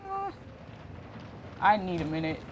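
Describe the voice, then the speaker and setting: A woman's voice: huge pitch swings, unhurried, heavy background noise. A woman streaming a game, talking casually to herself with a lot of swearing and exasperation. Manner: profane, exasperated. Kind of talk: casual gameplay commentary. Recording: low-quality stream audio with gunfire.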